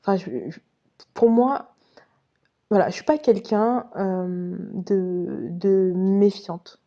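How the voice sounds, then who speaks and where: A woman's voice: medium pitch, fairly even intonation, slow pace, mellow, highs cut off. A woman casually telling a personal story to her viewers, chatty and direct. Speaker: vlogger recounting her past.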